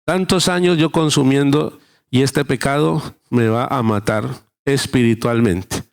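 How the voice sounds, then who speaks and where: Guy pastor giving a sermon, gravelly low-edged voice, tells little stories and plays out the dialogue. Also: unhurried. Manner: preaching with everyday illustrations, acting out dialogue.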